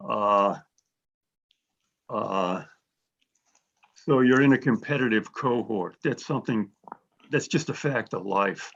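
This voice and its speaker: A man's voice: on the low side, slow pace, gravelly, pauses often, a bit bright. Blunt man on a dull video call. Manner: blunt, repeats words, thinks aloud. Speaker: admissions consultant host. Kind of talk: webinar coaching interview.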